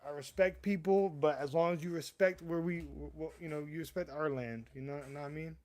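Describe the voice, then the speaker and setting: A young East Coast guy hosts a laid-back livestream, his voice fairly high with a darkish tone and mostly even intonation. He talks fairly quickly, rambling along with lots of stammers and restarts and calling his viewers "bro."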